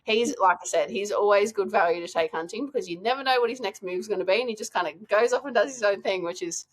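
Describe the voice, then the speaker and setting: A woman guest telling a lively hunting story in a casual, chatty way. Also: medium pitch, fast talker. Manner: chatty, animated, lots of "like" and laughter.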